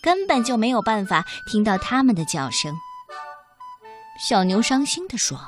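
A woman reads a children's picture book aloud in a lively, sing-song voice that swoops up and down. Her pitch sits fairly high, and soft music plays behind her. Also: moderate pace. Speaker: storyteller.

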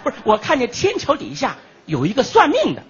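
A man's voice: very high voice, huge pitch swings, fairly quick, a bit bright, husky, dull audio. A man performing as lead crosstalk comedian, telling his story animatedly and coming back to the same punchline refrains.

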